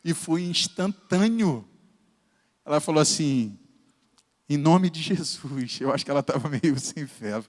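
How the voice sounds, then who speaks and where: Brazilian male preacher, high voice, animated storyteller, hall reverb. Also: a little slow. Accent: Brazilian Portuguese. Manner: animated, acts out dialogue in his stories. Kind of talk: sermon with storytelling. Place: church hall.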